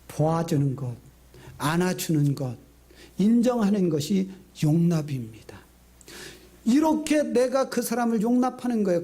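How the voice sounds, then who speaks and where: A middle-aged man preaching a sermon in a notably high but mellow, warm-toned voice. He tells his stories with animation, swinging from high excited bursts to low hushed lines. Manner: lively storytelling, acting out quotes. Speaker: senior pastor.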